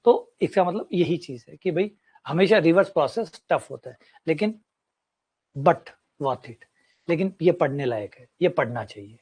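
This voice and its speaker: A man's voice: a little high, lively intonation, unhurried, darkish tone, husky. A man, teaching a maths class as a lecture and explaining with everyday examples and repetition.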